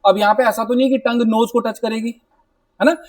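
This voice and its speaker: A man teaching a Hindi grammar class for exam preparation, explaining patiently and repeating checks like "right?", sounding out letters slowly. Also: extremely high pitch, steady tone, no echo, distant mic. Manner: explanatory, repetitive, mixes English words, says "ठीक है" and "है ना" often. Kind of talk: exam-prep classroom lecture.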